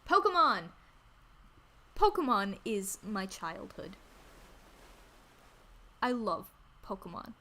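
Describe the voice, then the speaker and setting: A woman chatting casually on a livestream in a cute anime-streamer manner, gushing and excitable, repeating phrases for emphasis. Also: mid-range voice, slow, long pauses. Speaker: VTuber streamer introducing themself. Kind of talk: casual livestream chat about games.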